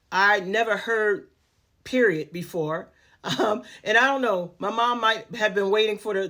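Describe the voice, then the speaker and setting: Woman doing a storytime, mid pitch, chatty and candid, lots of ums and restarts. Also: a bit bright. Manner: candid, conversational, with many fillers and restarts. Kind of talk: personal storytime.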